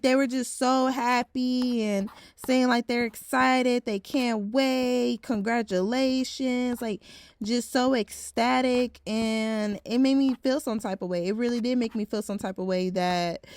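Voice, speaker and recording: A woman's voice: on the high side, fairly even intonation, measured pace, no room sound. Blunt young woman vlogging casually. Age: around 20. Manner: blunt, frank, with swearing; heavy use of filler "like". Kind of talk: casual vlog chat.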